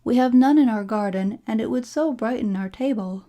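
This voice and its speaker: A kind, modest young fairy tale maiden, voiced by a woman reader, speaks simply and sweetly. Her voice is warm and fairly high, as in a storybook. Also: moderate pace, close to an everyday voice. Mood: modest, hopeful.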